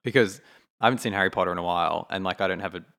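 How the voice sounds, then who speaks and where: A man's voice: deep voice, racing, gravelly, a bit bright. A man co-hosting a film podcast, thinking aloud in a rambling, casual way with many fillers. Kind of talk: casual chat.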